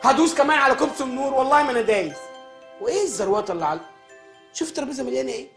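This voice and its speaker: An actor with an Egyptian Arabic accent playing a spoiled, grumpy grown son who is whiny, petulant and quick-tempered. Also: male voice, extremely high pitch, animated, vocal fry, fairly bright tone, faint music behind, full character voice. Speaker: lead comic actor. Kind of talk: animated sitcom voice acting.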